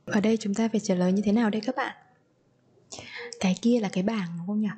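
A woman teaching a grammar lesson in a mellow, slightly husky voice. She is patient, asks her learners questions and repeats each example sentence slowly. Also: mid-range voice, steady tone. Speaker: Korean language teacher.

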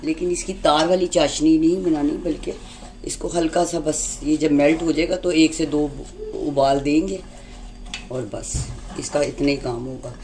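A woman hosting a home cooking demonstration, explaining each step calmly and patiently. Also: sits low, moderate pace, a little hiss or hum. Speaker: cooking channel host. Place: home kitchen.

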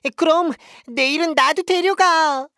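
A woman voicing a small, eager young allosaurus in a children's animated story, with a childlike manner. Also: sits high, a little slow, dry recording, clean studio sound. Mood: eager, curious.

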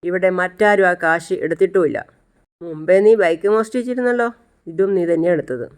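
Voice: mid-range voice, brisk, natural voice. A narrator voicing a harsh middle-aged mother who accuses and scolds insistently. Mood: accusing.

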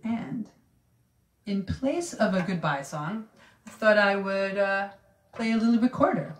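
A music teacher speaking softly and casually, her voice drenched in heavy reverb that makes it sound as if she is in a cave. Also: mid-range voice, measured pace, far from the mic. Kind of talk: casual spoken explanation. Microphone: reverb effect on her mic.

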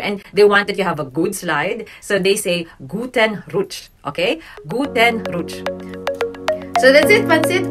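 A woman giving a casual video lesson on German holiday greetings, mixing in Tagalog words and slowing down to sound out German phrases. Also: on the low side, fairly bright tone. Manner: chatty, mixes in Tagalog words, slows to spell out German. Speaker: German language teacher. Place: home, lockdown.

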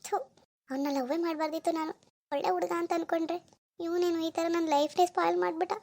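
A woman voicing an unhappy young village woman in a cartoon, speaking in a very high, thin voice. She mutters softly and gloomily to herself. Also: fairly even intonation, fast. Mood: gloomy. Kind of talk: cartoon voice acting.

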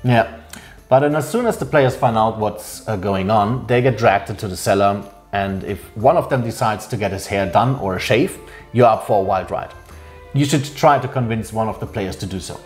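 A man in his thirties co-hosting a game review, critiquing its flaws in a measured way in a small indoor room. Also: lowish voice, soft background music. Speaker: co-host reviewing a game adventure. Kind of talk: casual review chat.

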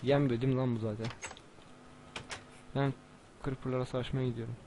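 A man giving casual, excitable commentary while playing a video game, swearing and shouting at enemies. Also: medium pitch, brisk. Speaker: gamer. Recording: noisy home recording.

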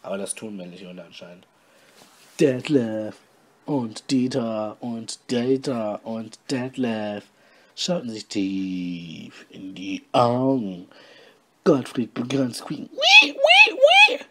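A man reading a story aloud with deadpan, mocking asides. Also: on the low side, slow. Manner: deadpan, mocking, comments on his own reading. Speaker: podcast host reading his story aloud.

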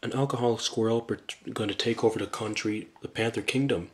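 A male game reviewer talks at a hushed level, keeping his voice down as he goes. His delivery is rambling, and he often breaks off sentences and starts them over as he reaches for the next thought. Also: lowish voice, fairly even intonation, a little fast. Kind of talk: casual video review.

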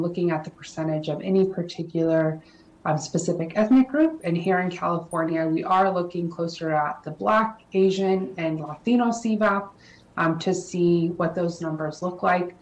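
A woman consultant giving a formal presentation to a city council, explaining plans in a measured way with frequent ums and uhs. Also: on the low side, a little mellow. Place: council chamber. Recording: echoey chamber audio.

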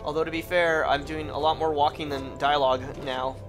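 A man's voice: a little high, level tone, fairly quick, music in the background. A man streaming a video game, chatting casually with joking, rambling asides and plenty of swearing. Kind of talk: casual gaming stream chat.

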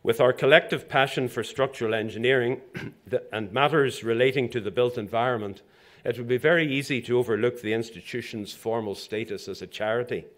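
An older Zambian man, newly president of a professional institution, gives a formal prepared inaugural speech at a lectern in a lecture hall. His voice is mid-range and a bit bright, his delivery measured, with dry asides along the way.

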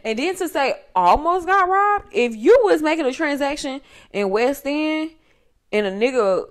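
A woman's voice: high voice, expressive, normal speed. Young woman, casual podcast chat, swears and laughs a lot. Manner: profane, laughing storyteller. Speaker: podcast co-host.

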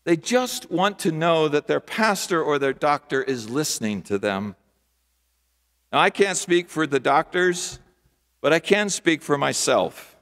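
Older man, pastor, sermon, high lively voice, rhythmic repetition, church reverb. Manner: rhythmic, repetitive preaching with emphatic pauses; gestures broadly with both hands while preaching. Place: large church sanctuary, at a wooden pulpit. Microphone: pulpit microphone. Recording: long church hall reverb.

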